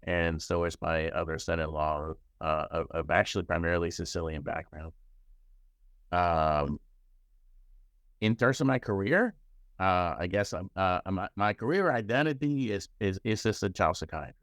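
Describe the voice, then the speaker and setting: This child psychiatrist and professor, an older man from Cuba, has a very deep, low voice, smooth and resonant with a fairly bright tone. He talks casually and haltingly in a personal interview, full of fillers and restarts, recorded close and dry without room echo.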